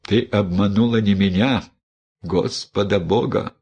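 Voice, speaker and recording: A man's voice: fairly low pitch, fairly even intonation, measured pace, darkish tone, slightly rough, highs cut off. A man voicing a severe, reproachful older abbess who preaches and questions sharply. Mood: stern rebuke. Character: stern older abbess of a women's convent.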